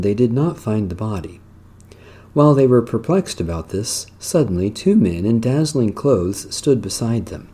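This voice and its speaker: Guy doing church liturgy, soft mellow tone, solemn and measured, like a priest reading prayers. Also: mid-range voice, breathy edge. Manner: solemn, measured, declamatory phrasing. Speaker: clergyman leading worship.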